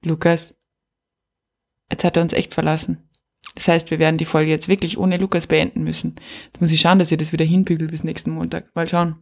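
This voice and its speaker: A woman's voice: sits low, little pitch movement, a little fast, creaky, a little mellow. A woman co-hosting a casual podcast, rambling and hesitant, with frequent giggles. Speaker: podcast co-host.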